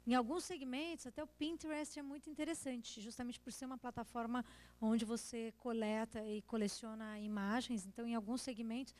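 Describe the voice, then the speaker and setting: A woman's voice: fairly high pitch, darkish tone. A woman with a Brazilian accent speaking at a conference, answering audience questions in an explanatory way with examples.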